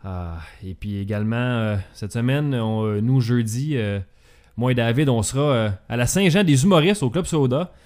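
A man's voice: mid-range voice, moderate pace, a little mellow. A man with a Québécois accent hosting a casual talk show, hesitant and full of filler sounds. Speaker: podcast host. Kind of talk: casual chat.

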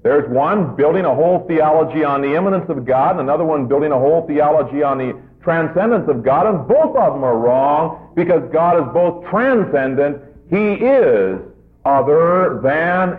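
A man preaching a sermon, teaching slowly and emphatically and drawing out his stressed words. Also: on the high side. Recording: tinny phone-like old recording.

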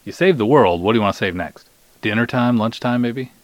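Speaking at a brisk clip in a medium pitch, this middle-aged podcast host and interviewer sounds dry, with no echo. His hosting is casual and light, full of playful teasing.

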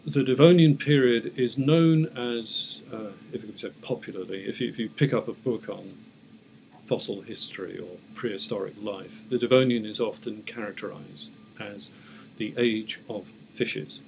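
A man speaking as an academic expert in an interview, explaining off the cuff in measured, hesitant short phrases. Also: on the low side, gravelly, a little mellow, slight background noise, low-quality recording. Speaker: academic paleontologist, interview guest.

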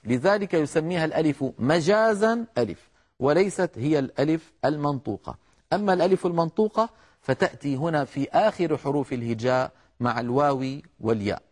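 A middle-aged man teaching the articulation of letters in a measured, explanatory lecture, addressing his listeners as brothers. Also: fairly high pitch. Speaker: Quran recitation teacher.

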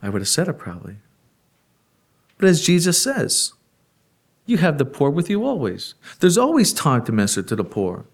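A man preaching a sermon in a conversational way, asking the congregation rhetorical questions and laughing softly now and then. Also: fairly high pitch, wildly swooping pitch, moderate pace, long pauses.

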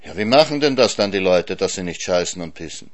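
A man's voice: deep voice, lively intonation, brisk. A man voicing a greedy, moaning male hyena in a storybook reading, with a plaintive, pleading tone. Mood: wheedling.

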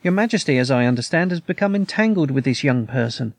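A man's voice: mid-range voice, expressive, fast talker, no echo. A man reading the lines of a coolly detached, languid detective with dry, clipped remarks in an audiobook story. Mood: musing.

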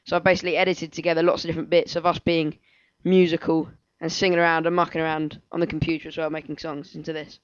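A man's voice: a little high, level tone, fast talker, clean tone, dull audio. A man co-hosting a podcast from his own room, chatting casually. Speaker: podcast host. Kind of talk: casual chat. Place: small room at home, close dry sound.

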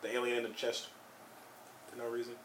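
A man's voice: medium pitch, completely flat delivery, a little fast, a bit bright. Brief: exasperated, swearing man at speed in an echoey room. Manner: ranting, profane, exasperated retelling. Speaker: friend in group chat. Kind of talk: casual chat. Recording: echoey room, faint background noise.

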